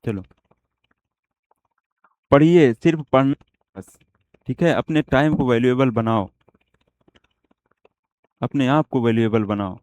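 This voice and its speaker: Male shorthand teacher, clear voice. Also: medium pitch, slow, long pauses, darkish tone, no room sound. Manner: explains step by step, often asks and answers himself. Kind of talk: online lesson.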